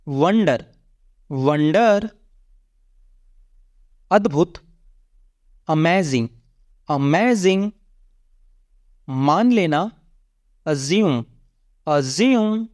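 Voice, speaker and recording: Vocabulary teacher, very slow deliberate drill reading, even and measured, dry close sound. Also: medium pitch, dry recording.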